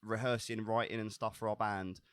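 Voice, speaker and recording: A man's voice: lowish voice, little pitch movement, moderate pace, clear, resonant tone, no echo. Nasal, congested man with a cold. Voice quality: congested, nasal as if pinching nose. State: has a cold. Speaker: podcast co-host. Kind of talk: casual chat.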